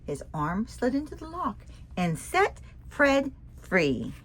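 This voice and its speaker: Reading a rhyming picture book for children at a slow pace, a woman with a slightly high voice uses an expressive, sing-song delivery and poses questions to the listener.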